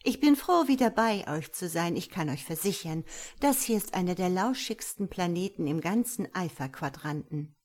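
A woman's voice: on the low side, lively intonation, normal speed, darkish tone. A woman reading a storybook aloud and voicing a stately, commanding female God. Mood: gracious.

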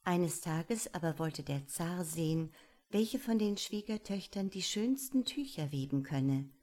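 Slow, low-voiced woman reading a fairy tale. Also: lively intonation, mellow. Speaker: storyteller.

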